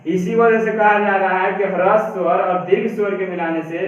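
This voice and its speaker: A man's voice: sits high, steady tone, moderate pace. A man teaching a grammar lesson for exams, repeating each point and asking questions he then answers himself. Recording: very echoey room, distant mic, dull sound.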